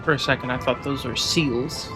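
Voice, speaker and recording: Over game music, a man streaming a video game reacts casually as he plays, swearing and talking to himself. His medium-pitched voice is fairly even in intonation and moderately paced.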